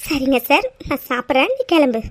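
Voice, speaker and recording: A woman's voice: high-pitched, big pitch swings, fairly quick, dry recording. A woman voicing a playful, slightly whiny young wife in a cartoon. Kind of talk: cartoon voice acting.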